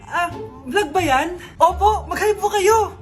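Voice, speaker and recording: A woman's voice: very high-pitched, takes it slowly, faint music behind. A woman acting out comedic skits, switching playfully between several characters. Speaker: comedy skit performer.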